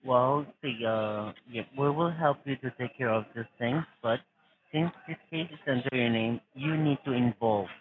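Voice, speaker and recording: A man's voice: medium pitch, normal speed. A man in call-center phone talk, formally polite and lecturing. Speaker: phone scammer posing as senior investigator. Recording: tinny phone line, crowd chatter behind.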